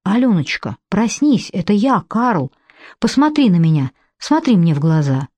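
A woman doing a gentle, pleading man. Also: mid-range voice, sing-song, normal speed. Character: tender grieving man, old friend.

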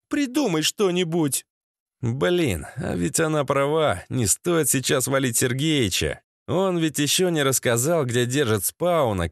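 A man's voice: medium pitch, creaky, no echo, clean studio sound. A man narrating a first-person audiobook in a sardonic, crude, slangy manner.

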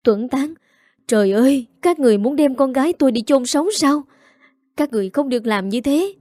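A woman's voice: a little high, expressive, normal speed, dark tone, dry recording, studio quality, natural voice. A woman voicing a grief-stricken middle-aged mother who wails and pleads, in a spoken story. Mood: wailing. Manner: wailing, pleading.

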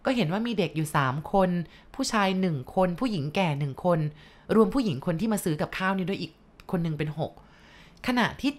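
A woman's voice: on the low side, lively intonation, fairly quick. Chatty woman telling a ghost story. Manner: chatty with asides to the listener. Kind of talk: casual ghost-story narration.

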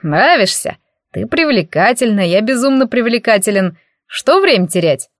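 A woman's voice: a little high, big pitch swings, moderate pace, no room sound, clean studio sound. A woman voicing a brash, arrogant male werewolf in an audiobook, smug and condescending. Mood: smug flirting.

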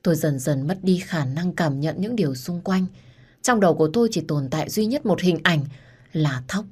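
A woman's voice: lowish voice, normal speed, darkish tone, breathy edge. A woman narrating an audio story and talking earnestly to her listeners as host. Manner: intimate, earnest, addresses listeners directly.

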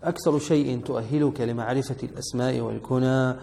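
A man's voice: mid-range voice, fairly even intonation, quick pace, gravelly, dark tone. A man with an Egyptian accent teaching a lesson on a classical text. He repeats the reading and then explains it in colloquial speech. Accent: Egyptian Arabic. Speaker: teacher of hadith sciences. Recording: echoey hall with faint background noise.

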